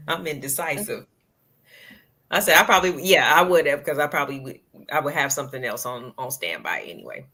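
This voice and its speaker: Female panelist, deep for a woman, sarcastic, casual, lots of restarts. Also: animated, normal speed, sharp tone, slightly rough. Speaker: podcast panelist. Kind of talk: casual podcast chat.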